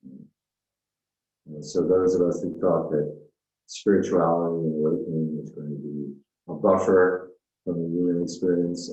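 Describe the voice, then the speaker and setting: Deep, dark-voiced man giving a musing dharma talk. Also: roomy sound, dull audio. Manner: unhurried, musing, with frequent fillers and asides. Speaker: spiritual teacher.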